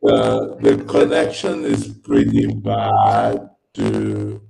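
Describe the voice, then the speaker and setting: A priest on a video call, his voice doubled and warped by an echo from a second device, talking haltingly while he struggles with the connection. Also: rumbling low, monotone, vocal fry, dark tone. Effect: doubled echo from a second device, warped and robotic. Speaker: priest co-hosting an online panel. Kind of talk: casual online panel chat.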